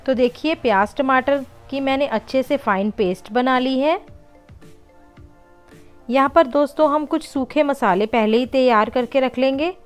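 High, clear, and resonant, this woman's voice hosts a home cooking channel. In voice-over she patiently walks through each step of a recipe, often calling her viewers friends.

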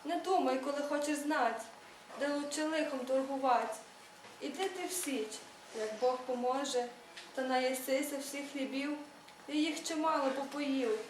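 A woman reading aloud speaks as an old Cossack father, giving steady instruction. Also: sits high, a little slow, slight background noise. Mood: advising. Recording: echoey room, read from far off.

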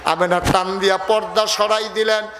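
High, bright-voiced Bangladeshi male preacher storytelling. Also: little pitch movement, a little hiss or hum. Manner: acts out dialogue, emotive drawn-out calls. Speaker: Islamic preacher. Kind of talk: dramatic storytelling sermon.

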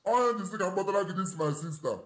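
A man's voice: sits high, lively intonation, rapid-fire, a bit bright, echoey room. A man with a West African, Nigerian accent voicing a deferential young man in a comic cartoon dub. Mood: polite, deferential.

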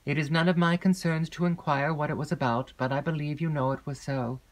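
A woman voicing a gloomy, secretive male porter in an audiobook, speaking slowly and gravely with long hesitations. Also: sits low, fairly even intonation, close to an everyday voice. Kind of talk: audiobook character reading.

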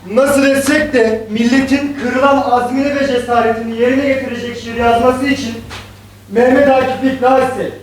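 Drawn-out town crier, played by a man, high voice in a roomy hall. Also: a little hiss or hum. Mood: pondering. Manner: slow, drawn-out proclaiming. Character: male town crier making announcements. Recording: echoey hall, distant mic.

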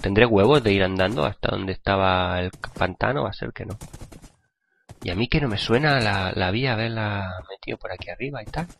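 A man with a Spain Spanish accent, hoarse from a cold, chatting and joking with viewers while playing a game. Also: on the low side, a little fast, a bit bright, slight background noise. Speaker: gaming channel host. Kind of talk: gameplay commentary.

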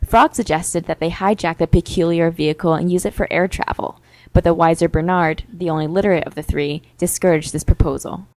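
A young woman narrating a mock-epic tale in a wry, deadpan storytelling manner. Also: lowish voice, fairly quick, dry recording, poor audio. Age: young adult.

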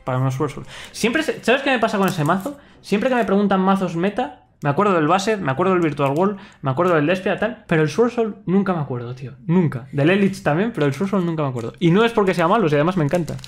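Joking Castilian Spanish man, quite high. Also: animated, quick pace, hardly any pauses. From Spain. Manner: laughs often, banters and jokes. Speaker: channel host. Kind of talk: casual chat while opening card packs. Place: indoor streaming room. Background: faint background music.

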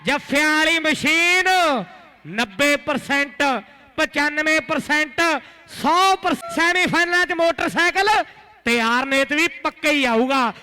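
A man calls kabaddi in frantic rural sports commentary with a Punjabi accent. His voice is extremely high and piercingly sharp. He chants repeated words and rhyming catchphrases. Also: unhurried.

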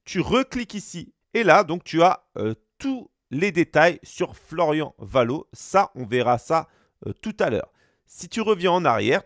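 A man's voice: fairly high pitch, dry recording, clean studio sound. A man hosting a casual screen-share tutorial, chatting straight to the viewer with frequent fillers. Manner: chatty, lively, addresses viewer directly with many fillers. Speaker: YouTube host.

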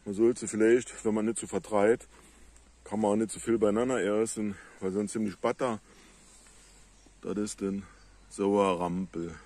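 A man with a Moselle Franconian dialect explaining plants on a casual nature walk outdoors in the countryside, in a halting, unhurried way. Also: on the low side, steady tone, warm tone. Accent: Moselle Franconian dialect of the Saar-Moselle area. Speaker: local nature video maker.

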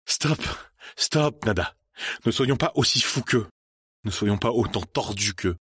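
Guy as an earnest young dude begging his friend to stop, low husky voice. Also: expressive, unhurried, a bit bright, no echo, clean studio sound, exaggerated voice. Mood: pleading. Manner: urgent, pleading. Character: earnest young man pleading for restraint.

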